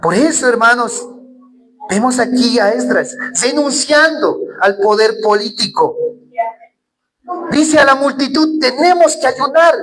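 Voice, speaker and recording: A man's voice: very high voice, expressive, a little slow, pauses often, a bit bright, poor audio. Earnest man preaching a sermon. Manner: earnest, asks rhetorical questions, keeps calling the congregation "brothers". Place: church.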